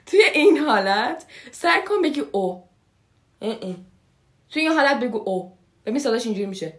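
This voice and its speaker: A woman teaches Turkish vowel sounds in a relaxed, chatty video lesson, and her pitch sits a little high and moves about a lot. She repeats each sound over and over for the listener to copy. The voice rings with the echo of a bare room.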